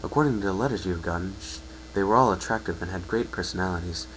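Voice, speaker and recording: A man with a low voice reads a second-person story dramatically at a quick pace, occasionally stumbling before correcting himself. The audio is poor, a home recording with a faint hum.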